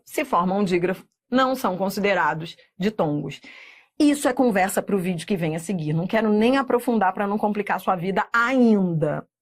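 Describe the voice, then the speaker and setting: A middle-aged woman with a Brazilian Portuguese accent, teaching a recorded exam-prep lesson and drawing words out slowly, often checking in with "tá?". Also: medium pitch. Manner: slow, drawn-out spelling of words with frequent checks like "tá?".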